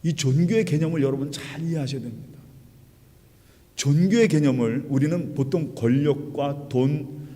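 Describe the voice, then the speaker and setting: Pastor guy preaching hard, fairly high voice, long echo from the church hall. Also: moderate pace, dark tone. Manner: emphatic, rhetorical questions to the congregation. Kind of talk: sermon. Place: church sanctuary.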